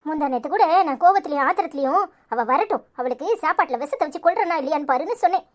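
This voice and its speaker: Woman voicing a pleading young daughter in a Tamil village cartoon, Tirunelveli accent, bright high voice. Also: animated, quick pace. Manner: pleading, earnest.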